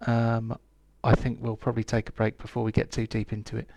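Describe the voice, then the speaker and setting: Halting male game master. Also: medium pitch, completely flat delivery, gravelly, darkish tone, no room sound. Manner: halting, many fillers. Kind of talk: narrating a tabletop game.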